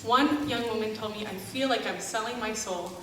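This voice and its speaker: A slightly high, somewhat bright voice at a moderate pace belongs to a middle-aged American woman, a family doctor speaking as an activist. Her live speech to the audience is sarcastic and exasperated, delivered at a church concert event and recorded distantly in a noisy, echoing hall.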